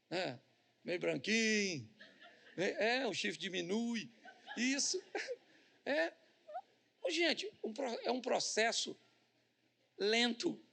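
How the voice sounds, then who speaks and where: Male pastor, comic sermon, high gravelly voice, bright edge, animated storytelling. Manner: joking, animated, acts out little scenes. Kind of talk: humorous sermon.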